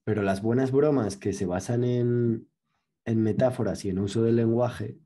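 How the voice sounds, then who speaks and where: A young Spanish man with a Spain Spanish accent co-hosts a podcast, telling stories in an easygoing, casual chat. His medium-pitched, dark-toned voice is fairly even at a normal speed, on a dull lo-fi recording.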